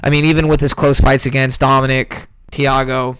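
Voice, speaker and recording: A man's voice: medium pitch, level tone, normal speed, fairly bright tone, clear, resonant tone, dry recording, rough recording. Rambling man breaking down fights. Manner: rambling, many fillers and self-corrections. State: hiccups. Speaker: MMA podcast host.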